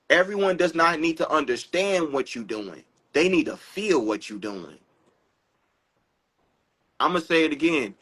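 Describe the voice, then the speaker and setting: Man husky, high-pitched spiritual talker. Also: poor audio. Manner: animated, preachy, acts out quotes and raps lines. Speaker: spiritual speaker. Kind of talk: casual live talk.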